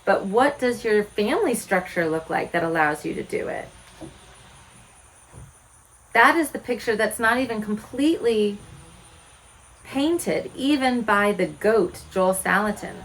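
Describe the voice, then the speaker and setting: Frank woman, about forty, homestead vlogger; earnest rhetorical musings, mid-pitched voice. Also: a bit bright, a little hiss or hum, low-quality recording. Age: 40s. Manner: earnest, candid, asks many rhetorical questions. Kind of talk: reflective direct-to-camera talk.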